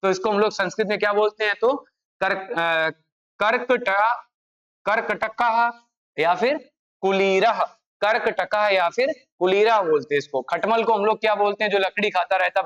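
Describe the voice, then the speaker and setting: A man teaching an exam-prep language lesson in a chatty, joking way, repeating key words slowly. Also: high voice, a bit bright, highs cut off. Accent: Hindi.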